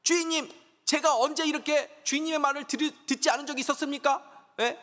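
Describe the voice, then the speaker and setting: A wronged talking donkey pleads with its master in a whiny, much higher voice, as a preacher acts it out. The sound carries a long church reverb. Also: male voice, fairly even intonation, quick pace, fairly bright tone. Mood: pleading.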